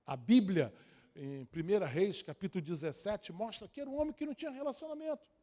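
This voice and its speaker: A pastor preaching a sermon with emphatic repetition, swinging between quiet, intimate asides and loud, rising exhortation. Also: male voice, high-pitched, animated, brisk.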